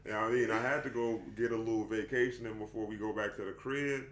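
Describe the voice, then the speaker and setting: A man's voice: fairly low pitch, fairly even intonation, fast talker, a bit bright, a little hiss or hum. A young adult man hosting a casual interview, laid-back and slangy, calling his guest "bro". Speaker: podcast host. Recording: echoey room.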